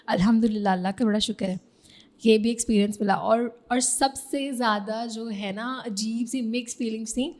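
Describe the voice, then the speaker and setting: A young woman with a Pakistani Urdu accent tells her story in a relaxed interview. Her voice sits fairly high but sounds soft and warm. She talks freely and clears her throat from time to time. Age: young adult. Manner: chatty, often clears her throat, self-deprecating laughs. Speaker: guest, social media influencer. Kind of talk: casual interview chat.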